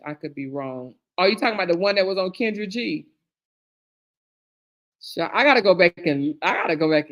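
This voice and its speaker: Her voice fairly low and a bit bright, a middle-aged woman chats casually on her live stream. She reads out viewers' comments and responds, addressing them as girl, honey and child.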